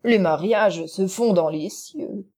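A woman voicing a worldly old lady who speaks slowly in a raised, lilting voice. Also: mid-range voice, a little mellow. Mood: knowing.

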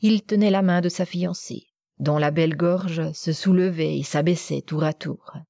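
A woman's voice: lowish voice, normal speed, gravelly, warm tone, dry recording, studio quality. A woman narrating a novel as an audiobook, reading evenly and steadily.

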